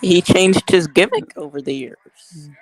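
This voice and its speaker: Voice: mid-range voice, very animated, unhurried, crowd noise, poor audio. A wrestling watch-along panelist making jokes in casual chat. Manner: joking, wisecracking.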